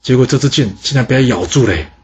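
Husky man telling a history story, lively narration, dull lo-fi sound. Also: mid-range voice, fast. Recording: dull lo-fi recording.

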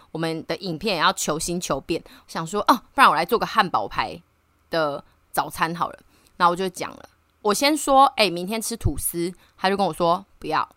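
A woman tells a story in a casual podcast chat, talking fast and laughing easily. Her voice is bright and sharp. The sound is dry and close. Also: lowish voice, no echo. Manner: animated, laughs often while telling a story. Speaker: podcast co-host. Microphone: remote online call.

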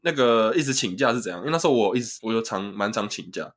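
A man's voice: fairly low pitch, racing. A young man with a Taiwanese Mandarin accent, telling part-time job stories in a casual podcast chat, swearing freely and acting out the customers he met. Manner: animated storyteller, swears freely, acts out customers. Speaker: podcast co-host.

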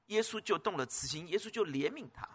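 A man's voice: high-pitched, expressive, fairly quick, fairly bright tone, breathy edge. A man preaching a sermon as pastor, emphatic, repeating words and asking the listeners rhetorical questions.

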